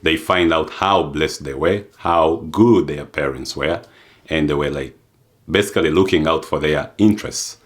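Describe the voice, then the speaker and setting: A young adult man from Uganda giving a reflective personal testimony, unhurried, with frequent fillers and restarts. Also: extremely low pitch. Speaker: adoptee sharing experience.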